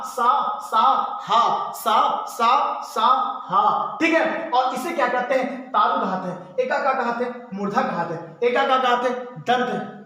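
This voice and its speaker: A man's voice: very high voice, a bit bright. A male teacher giving an exam-prep lesson, asking and answering his own questions and repeating the answers. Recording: very echoey room.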